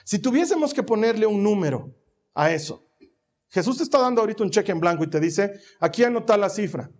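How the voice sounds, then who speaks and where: High-voiced man preaching a sermon. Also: very animated, fast, a little mellow. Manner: conversational preaching with rhetorical questions. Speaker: pastor.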